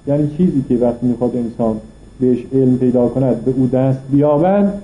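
A man with a mid-range voice teaches philosophy, reading Arabic passages aloud and explaining them point by point in Persian, raising rhetorical questions as he goes. It's a classroom lecture, and the sound is roomy and muffled with slight hiss or hum.

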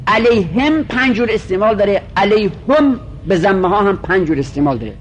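A man teaching a grammar lesson, going through each form one by one, slowly drawing out the example words and repeating them. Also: high-pitched, lively intonation, a little hiss or hum. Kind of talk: grammar lecture.

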